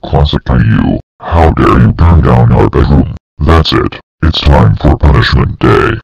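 This is a furious cartoon father, voiced by a man, pitched extremely deep with a gravelly, husky edge. He bellows repeatedly. The sound is dry and dull. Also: measured pace, a little mellow, no room sound, heavily acted. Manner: bellowing, repetitive.

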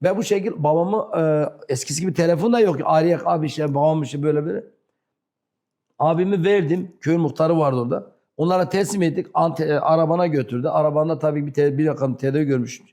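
A man with a fairly high, soft-toned voice recounts his memories in an interview. His Turkish is broken and carries a southeastern accent. He halts, repeats phrases and acts out bits of dialogue as he goes. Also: fast talker. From rural southeastern Turkey. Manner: broken, non-fluent Turkish. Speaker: interview guest. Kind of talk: animated personal storytelling.

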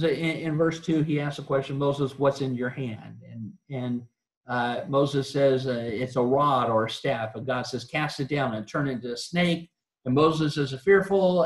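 A man preaching a sermon in an earnest, questioning way, often restarting his phrases. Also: mid-range voice. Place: church auditorium. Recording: echoey church hall.

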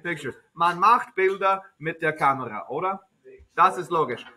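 A man who is not a native speaker of German teaches a beginner high-school class in a classroom, asking simple questions again and again and answering them himself. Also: animated, normal speed, bright, forceful tone. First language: English. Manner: simple repeated questions to students, self-answering.

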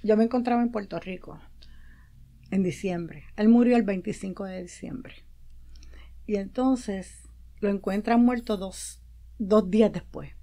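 On a casual radio interview, a guest who is a promoter and publicist shares a heartfelt personal story, performing the dialogue she quotes. In the studio, her medium-pitched voice is mellow, a little slow, and full of pauses.

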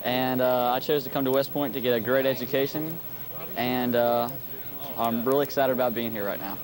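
A man's voice: medium pitch, steady tone, fairly quick, crowd noise. A young man, an incoming cadet, answering hesitantly with fillers. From United States. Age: young adult. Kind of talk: short interview.

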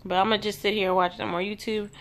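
A woman's voice: medium pitch, little pitch movement, very fast. A young woman vlogging in a casual, rambling way. She uses lots of fillers and talks into a handheld phone camera as she moves from a mall to her home. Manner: chatty and rambling, with many fillers. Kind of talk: casual vlog chat. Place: shopping mall, then at home. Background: music.

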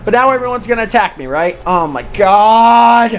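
Woman gamer cussing out npcs, voice bouncing all over, fed up and loud. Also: fairly high pitch, lively intonation, moderate pace, soft background music. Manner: profane, exasperated, often yelling at characters. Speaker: gaming video host. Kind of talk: let's play commentary.

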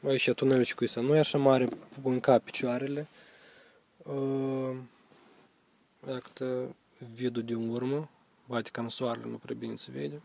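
A man's voice: mid-range voice, flat delivery, gravelly, darkish tone, a little hiss or hum. A young man with a Moldovan accent, filming a casual car walkthrough vlog on his phone inside a parked car, talking in a rambling, hesitant way with many fillers. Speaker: vlogger. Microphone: handheld phone camera.

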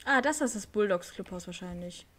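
A woman's voice: medium pitch, animated, a little fast, a bit bright. A woman casually commenting while playing a horse-riding game, thinking aloud. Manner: chatty, thinks aloud with fillers. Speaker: let's play host.

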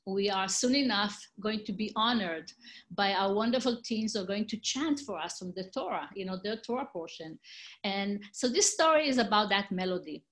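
A woman's voice: mid-range voice, expressive, normal speed. Woman telling a teaching story on a video call. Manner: warm, informal, small slips. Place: home.

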